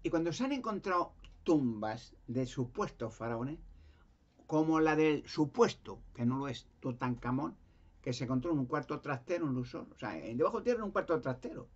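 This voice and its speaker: A man's voice: mid-range voice, big pitch swings, a little fast, husky. A man talking in a rambling, emphatic monologue, stumbling over and repeating his words. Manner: emphatic, repetitive, restarts words. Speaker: conspiracy talk guest. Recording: dull lo-fi sound.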